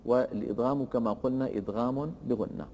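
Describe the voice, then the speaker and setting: A man teaching Quran recitation rules, explaining slowly and deliberately and chanting the verse examples in a drawn-out way. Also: medium pitch, dark tone, big-room sound. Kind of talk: tajweed lesson with recited examples.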